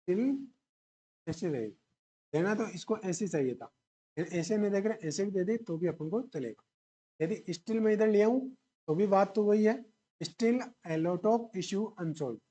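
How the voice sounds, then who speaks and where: A man's voice: sits high, mellow. A male English teacher giving an exam-prep lecture at a whiteboard, asking the class questions and answering them himself while repeating key words. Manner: mixes English grammar terms into Hindi explanation.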